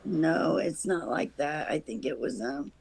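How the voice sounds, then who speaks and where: A woman with a hoarse, raspy voice, chatting casually as a call-in guest on a panel. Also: low-pitched, animated, unhurried, darkish tone, dry recording. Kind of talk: casual chat. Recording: noisy call-in connection.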